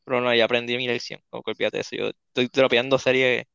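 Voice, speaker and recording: A man's voice: medium pitch, flat delivery, very fast, creaky, a bit bright, clean tone, no room sound, muffled recording. A young man, hosting a casual podcast chat, laughing and tossing in English words. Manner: laughing, mixes English words, acts out quotes. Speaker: podcast host.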